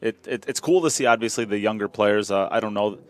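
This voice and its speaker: A man's voice: lowish voice, fairly quick. A man commentating a pool match in a chatty, joking way, often repeating himself. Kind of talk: live sports commentary.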